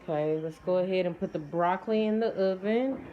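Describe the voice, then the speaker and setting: Casting: mom vlogger, female, lower register, folksy and chatty, recorded at home with clear background noise. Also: brisk, highs cut off. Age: adult, mother of children. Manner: folksy, addresses viewers as y'all and guys. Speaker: family vlogger. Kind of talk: casual chatty vlog to viewers. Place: at home, indoors.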